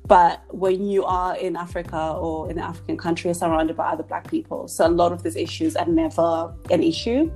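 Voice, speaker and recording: A woman from Zimbabwe co-hosting a podcast, talking in a thoughtful, measured way. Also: fairly low pitch, little pitch movement, darkish tone, soft background music. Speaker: podcast co-host. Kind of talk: casual chat.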